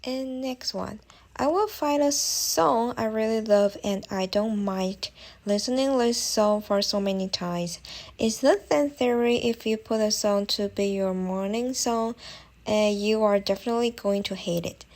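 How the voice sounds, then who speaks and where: A young woman whose first language is Chinese narrates a scripted study tutorial as a language-learning vlogger. Her English is careful and slightly non-native. Her mid-range voice is darkish and measured in pace.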